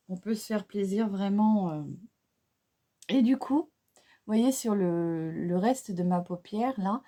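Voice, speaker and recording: A French-accented woman talks through a makeup tutorial at a slow, unhurried pace. Her voice is mellow and warm rather than bright. She chats casually, hesitating often with fillers and restarts. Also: mid-range voice. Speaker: beauty vlogger.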